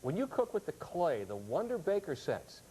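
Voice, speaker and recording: A man presenting products as a home shopping host, chatting through a live sales pitch in a conversational way. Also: wildly swooping pitch, moderate pace, dark tone, breathy edge, poor audio. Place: TV studio demonstration set.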